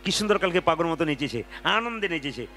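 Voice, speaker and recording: A man preaching between devotional kirtan songs, energetic and urging the crowd to chant along. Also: a little high, fast, slight background noise. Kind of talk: devotional kirtan with spoken sermon and call-and-response chanting. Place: large outdoor devotional gathering with crowd. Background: folk music with tabla.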